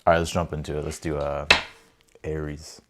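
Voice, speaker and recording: A very deep-voiced American man, raised in Ohio and Texas, hosts a tarot livestream with casual chat and card reading, rambling and often repeating his phrases. His pitch barely moves, his pace is moderate, and heavy noise fills the background.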